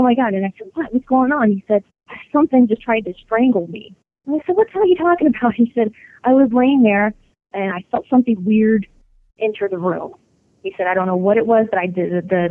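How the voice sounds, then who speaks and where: A woman's voice: medium pitch, no echo. A woman telling a personal ghost story in an interview, chatty, with many fillers and restarts. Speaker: interview guest. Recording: phone-line sound.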